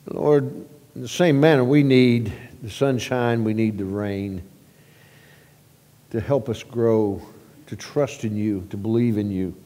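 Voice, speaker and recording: Slow man at a pulpit microphone. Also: lowish voice. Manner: halting with repeated words, swelling louder in prayer. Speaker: pastor leading prayer. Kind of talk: spoken church prayer and announcements. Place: church sanctuary. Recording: long reverb of a church sanctuary.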